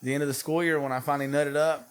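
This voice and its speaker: A man's voice: fairly high pitch, flat delivery, very fast, clean tone. A man telling personal stories as a podcast guest, blunt and slangy, swearing freely. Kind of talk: casual personal storytelling.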